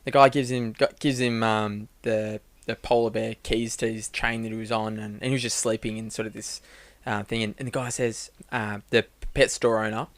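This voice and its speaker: A man's voice: on the low side, normal speed, no room sound. A young man who works for a church, chatting casually and telling a long rambling joke, full of fillers and restarts. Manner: relaxed, lots of fillers and restarts. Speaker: church staff member and podcast co-host.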